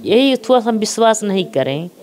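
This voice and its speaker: A woman's voice: medium pitch, very animated, normal speed, darkish tone. A middle-aged woman, earnestly retelling a family story in heavy dialect, repeating herself. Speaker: interviewee, mother. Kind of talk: emotional personal storytelling.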